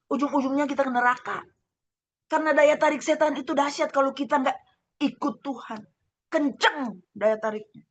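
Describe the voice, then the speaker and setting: This middle-aged woman from Manado, a pastor with a Manado Indonesian accent, gives a fervent sermon by video call from a home room as her husband preaches next door. Her voice runs on the high side, and she alternates between loud exclamations and hushed asides.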